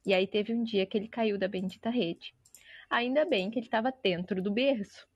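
Uma mãe conversando de forma descontraída, ouvida por uma chamada de vídeo, com risadas leves. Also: female voice, mid-range voice, moderate pace, darkish tone, breathy edge, no room sound, highs cut off. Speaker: guest mother. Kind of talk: casual chat.

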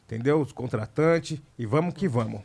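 A man's voice: medium pitch, moderate pace, creaky, darkish tone, husky. A man hosting a podcast, upbeat and slangy, talking straight to the listeners. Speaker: podcast host. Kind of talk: casual podcast chat.

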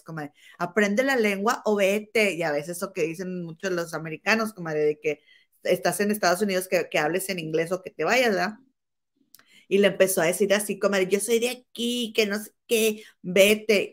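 Animated woman dishing gossip. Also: on the low side. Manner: animated storytelling, acts out quoted insults, keeps saying "comadre". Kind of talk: casual celebrity gossip chat.

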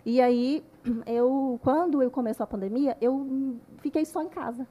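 A woman, soft-spoken and reflective in a casual podcast chat. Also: sits high, unhurried. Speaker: podcast guest.

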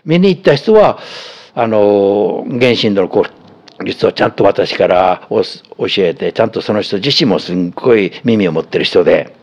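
Older man, Kansai accent, lower voice, very lively pitch, chuckling storyteller, slightly dull podcast sound. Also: moderate pace. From Osaka, Japan. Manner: animated storytelling with frequent chuckles. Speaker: guest, former guitar shop owner. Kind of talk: casual podcast chat.

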